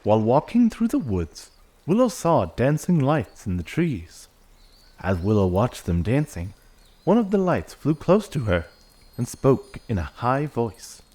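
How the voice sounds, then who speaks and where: A man gently reading a children's storybook aloud in an expressive way. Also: medium pitch, measured pace. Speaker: narrator.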